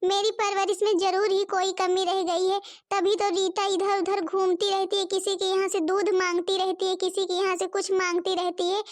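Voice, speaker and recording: A woman voicing the women and girls of a Hindi cartoon in a very high, childlike voice, dramatic and scolding. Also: level tone, moderate pace, few pauses. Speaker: narrator voicing all female characters.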